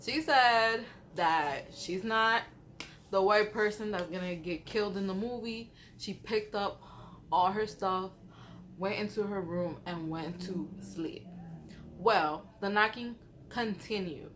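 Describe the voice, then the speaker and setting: Over background noise, a woman tells spooky stories in a casual way, her medium-pitched voice keeping a measured pace. She's chatty and slangy, acting out the quoted dialogue.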